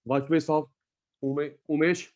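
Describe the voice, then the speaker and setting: A man teaching economics in a live classroom lecture, calling on students by name and swinging between loud calls and quiet asides. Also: fairly high pitch, steady tone, a little slow, lo-fi sound.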